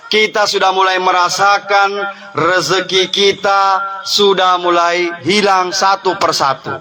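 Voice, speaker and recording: A man's voice: high voice, sharp tone. A middle-aged male preacher giving a humorous sermon, telling stories, laughing often and talking straight to the congregation. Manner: storytelling, laughing often, addressing the congregation directly.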